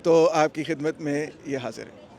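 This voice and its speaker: High-voiced man vlogging on the go. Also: moderate pace, slight background noise. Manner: lively, explains to the camera. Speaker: vlogger and political commentator. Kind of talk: casual travel vlog narration.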